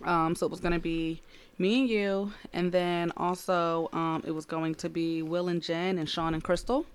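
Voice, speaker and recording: A woman's voice: lowish voice, flat delivery, normal speed, clear, resonant tone. A woman co-hosting a podcast at home, telling a rambling story in casual chat. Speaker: podcast co-host.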